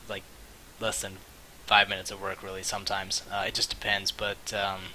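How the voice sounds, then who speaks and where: A man giving casual, rambling and halting commentary on a game stream, with mouse clicking behind him. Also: sits low, monotone, pushed and bright, rough recording. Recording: hissy mic, faint background noise.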